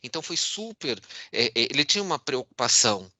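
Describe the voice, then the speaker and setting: A man, moderating a panel and telling his own story in an expressive, earnest way, often restarting his sentences. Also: mid-range voice, brisk, no room sound. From Brazil, São Paulo. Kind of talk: personal storytelling in a panel talk.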